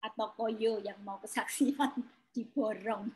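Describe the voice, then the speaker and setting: A woman with a high voice leads a church women's gathering. She speaks in short, welcoming turns and invites others to share. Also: fairly even intonation, slow pace, darkish tone, slightly rough, poor audio. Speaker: meeting leader. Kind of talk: hymn singing and meeting moderation.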